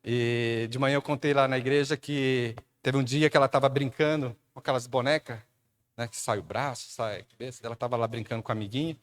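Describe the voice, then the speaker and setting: A man with a Brazilian Portuguese accent telling a church testimony, animated storytelling with frequent tag questions. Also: brisk. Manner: animated storyteller, acts out quotes with rising pitch; addresses a listener by name and tags lines with "né". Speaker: church speaker giving testimony.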